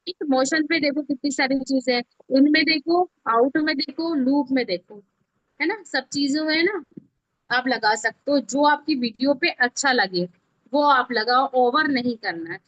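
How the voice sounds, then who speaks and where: Speaking slowly in a high-pitched, fairly bright voice, an Indian-accented woman leads an informal online video editing class step by step. Her manner is conversational, and she keeps checking whether students follow. There's no echo, yet the lo-fi class audio sounds dull.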